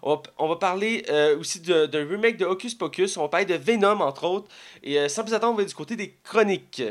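Young male podcast co-host, Québécois accent, higher voice, rambling joker. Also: fairly quick. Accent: Québécois French. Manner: joking, rambling, frequent fillers. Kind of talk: casual chat.

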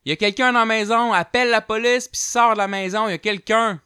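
A Québécois man voicing a panicked adult man shouting urgent warnings, bright and clear. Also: a little high, fairly quick, no room sound, clean studio sound, pitched above the performer's own voice.

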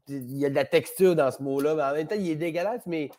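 Man, Québécois accent, podcast guest, rambling casual chat, swears a lot, slightly higher voice. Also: quick pace, a little mellow. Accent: Québécois French. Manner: rambling, playful, swears freely. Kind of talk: casual conversation.

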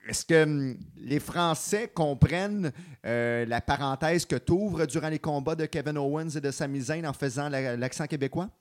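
A man with a Quebec accent hosting an interview, asking questions in a relaxed, friendly way. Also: mid-range voice. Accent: Quebec French. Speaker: podcast host. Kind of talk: casual interview chat.

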